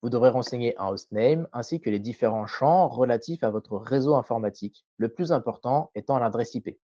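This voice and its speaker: A man presenting a scripted tutorial voice-over in a measured, didactic way, carefully enunciated. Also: medium pitch, warm tone, no room sound, dull audio.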